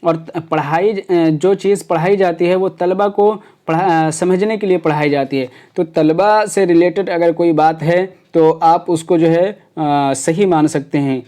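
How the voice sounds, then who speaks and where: Mellow-voiced man teaching an exam lesson. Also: on the high side, steady tone, hardly any pauses. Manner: explains step by step with many fillers. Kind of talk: exam prep lecture.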